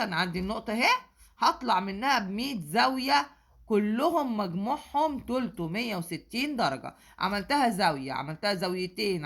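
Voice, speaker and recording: A woman's voice: mid-range voice, a bit bright. A woman with an Egyptian accent, a math teacher working through exam questions and checking in with students often. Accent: Egyptian Arabic. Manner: patient, asks "okay?" often. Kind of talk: explaining exam answers.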